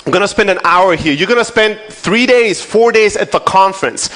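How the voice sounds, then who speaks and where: This keynote speaker, a German man in his thirties, sounds high and a bit bright. His motivational conference talk is informal and profane, laced with self-deprecating humor and frequent check-ins with his listeners.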